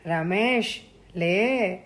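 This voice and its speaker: A woman voicing a scheming young woman who coaxes softly and later turns indignant. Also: medium pitch, extremely slow. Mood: coaxing. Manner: coaxing, soft, then indignant.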